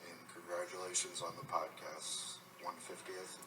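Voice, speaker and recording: A man's voice: low voice, flat delivery, moderate pace, heavy background noise. A man recording a friendly video message with a cave-like echo, earnest and calling the listener brother and dude. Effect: echoey, cave-like sound. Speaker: friend sending a congratulation video.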